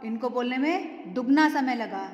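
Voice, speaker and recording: High-voiced woman teacher, slow and patient. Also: lively intonation, lo-fi sound. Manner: patient, asks questions and answers them herself. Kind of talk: grammar lesson for children. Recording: echoey room with long reverb.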